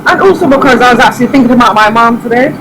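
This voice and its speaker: Guy vlogging outside, kinda high voice, chatty, traffic noise all around. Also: racing. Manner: chatty, addresses viewers as guys. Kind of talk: casual vlog to camera. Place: outdoors on busy city streets and in a cafe. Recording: noisy handheld street recording with traffic. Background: street and traffic noise.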